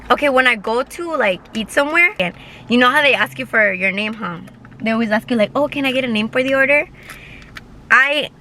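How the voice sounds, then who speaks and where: A woman's voice: a little high, sharp tone. A young woman in her twenties chatting casually while she eats in a parked car, rambling through a story with lots of fillers and easy swearing. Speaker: vlogger. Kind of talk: casual mukbang storytime chat.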